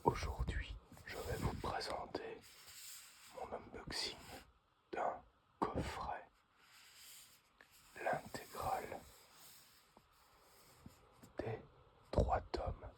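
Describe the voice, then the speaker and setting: Male ASMR unboxing host: breathy whisper right in the ear, extremely slow delivery. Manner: slow, halting short phrases.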